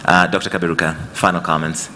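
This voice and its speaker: A man moderates a panel in a very low voice with a sharp, bright edge. He talks in a relaxed, conversational way with casual fillers. Faint ambient noise sits behind him. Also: fast. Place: conference hall.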